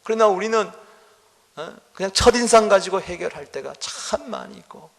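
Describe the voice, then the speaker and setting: A man's voice: sits high, normal speed, creaky, long reverb tail. A male pastor preaching a sermon in a church sanctuary, telling stories vividly and acting out the voices in them. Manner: animated storytelling, acting out quotes.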